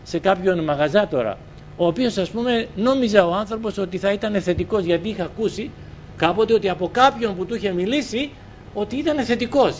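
Greek guy preaching a sermon, highish voice, earnest, lots of ums, muffled recording with some rumble. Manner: earnest, retells conversations with many quoted exchanges and hesitant fillers.

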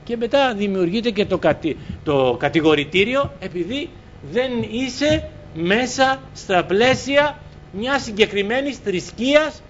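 A man from Greece preaching a sermon, earnestly retelling conversations and pausing on fillers. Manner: earnest, retells conversations with many quoted exchanges and hesitant fillers. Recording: dull muffled recording with faint rumble.

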